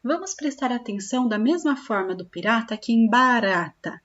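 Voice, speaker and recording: A woman's voice: a little high, lively intonation, a bit bright. Woman teacher, lo-fi. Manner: slow, drawn-out sounding of syllables, with frequent check-in questions. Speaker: primary school teacher. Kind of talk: recorded classroom lesson for young children.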